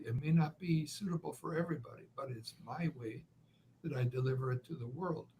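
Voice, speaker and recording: A Canadian author and journalist with a slight Ukrainian accent gives measured, deliberate interview answers as a guest, pausing frequently. His voice is a little high and a little mellow, and the poor audio carries a slight hiss or hum.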